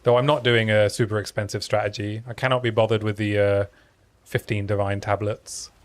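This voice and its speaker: Streaming a game, a young man keeps up relaxed live commentary and talks with his viewers, replying to chat between plays. He has a fairly low, brisk voice with the soothing quality of a sleep-story reader.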